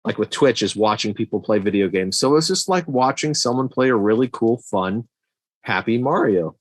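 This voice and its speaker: A middle-aged man co-hosts a movie review podcast, casually thinking aloud about films and often repeating words. His voice is on the low side and expressive, at a moderate pace with no echo.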